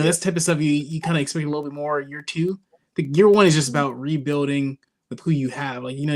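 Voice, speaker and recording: A man in his twenties talking sports on a podcast, laying out his points with lots of "like". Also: a little high. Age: 20s. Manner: reasoned, argues his points with many likes. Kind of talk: casual chat.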